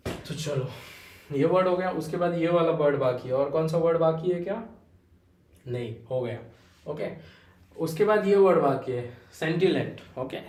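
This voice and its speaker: A man's voice: fairly high pitch, darkish tone, roomy sound. A young Indian man with a Marathi-influenced accent teaching English vocabulary in Hindi, filling his talk with "okay" and calling students "beta". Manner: explains with repeated fillers like "okay" and "है ना"; addresses students fondly as "बेटा".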